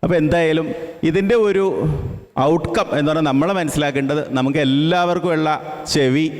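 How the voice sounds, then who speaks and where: Man, camp trainer, handheld mic, slightly high voice, long hall reverb, repeats kids' answers. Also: fairly even intonation, brisk. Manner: repeats each child's answer back, coaxing and encouraging; mixes English phrases into his speech. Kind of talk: interactive talk to a children's camp. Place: large indoor hall with an audience. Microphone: handheld microphone.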